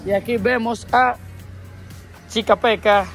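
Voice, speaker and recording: A man's voice: sits high, fairly even intonation, measured pace, creaky, a bit bright, soft background music. A man with a Dominican accent hosting a casual vlog, chatty and teasing with the people around him. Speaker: vlogger host.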